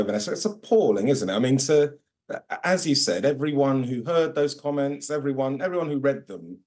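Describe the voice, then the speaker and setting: Earnest, halting man speaking on a remote link. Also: medium pitch, darkish tone. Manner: earnest, halting, restarts his sentences. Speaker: councillor and activist guest. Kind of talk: live remote interview.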